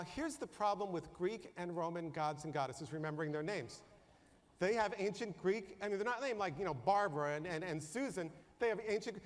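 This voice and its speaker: A man with a high, light voice gives a humorous storytelling talk to a conference audience. He is animated and keeps firing questions at the crowd. His voice rings with the long reverb of a large hall. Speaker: conference speaker. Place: conference room before an audience.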